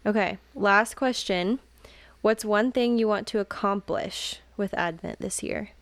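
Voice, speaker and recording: A young woman co-hosting a casual podcast chat, thinking out loud with many fillers and the odd joking aside. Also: medium pitch, unhurried, dry recording. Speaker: podcast co-host.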